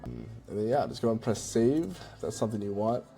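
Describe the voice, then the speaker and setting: A man presents a casual screen-recorded software tutorial, keeping it informal and conversational and checking in with "right?" and "you know." His voice is lowish, warm and creaky, with wildly swooping pitch and a fairly quick pace. Soft music plays in the background.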